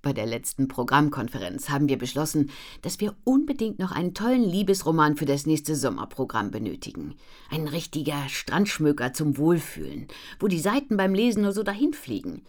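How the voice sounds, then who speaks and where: A woman voicing an enthusiastic female book editor who talks brightly and energetically on the phone. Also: low-pitched, sing-song, a little fast.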